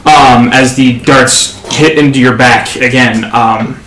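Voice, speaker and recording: A man narrating as game master of a tabletop game, halting, with many fillers. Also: mid-range voice, steady tone, fairly bright tone. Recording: echoey room, faint noise.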